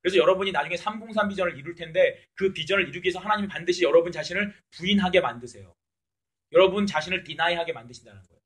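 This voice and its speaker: Woman pastor preaching at church, kinda husky voice, really fired up and blunt with the crowd. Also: fairly low pitch, rapid-fire. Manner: impassioned, direct, scolding exhortation to the congregation; mixes English words into speech. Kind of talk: sermon. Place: church service.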